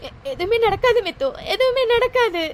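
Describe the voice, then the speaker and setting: A woman plays a grief-stricken young woman in a cartoon love story, weeping through every line. Her voice sits very high and keeps breaking as she repeats the same words. A faint background hiss runs under the recording. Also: fairly quick. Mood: sobbing. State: crying. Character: young woman, heartbroken and sobbing. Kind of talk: cartoon drama voice acting.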